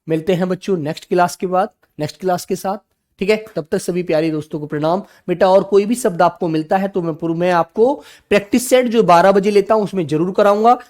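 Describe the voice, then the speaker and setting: High-voiced man dictating a spelling class. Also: darkish tone. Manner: dictates words slowly, repeating each one; calls students "बेटा" and "मेरे बच्चों". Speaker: teacher.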